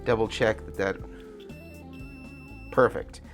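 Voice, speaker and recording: A man's voice: fairly low pitch, steady tone, takes it slowly, soft background music. An American man talking through a face mask that muffles him, explaining a hands-on tutorial step by step. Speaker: tutorial host, guitar rig builder.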